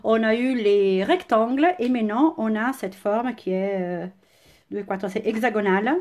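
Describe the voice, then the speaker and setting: A woman with an Italian accent demonstrates crafting products in a casual live-stream unboxing, chatting enthusiastically and often pausing on "euh". She was recorded on a phone camera indoors at home, and her fairly high voice is a little mellow.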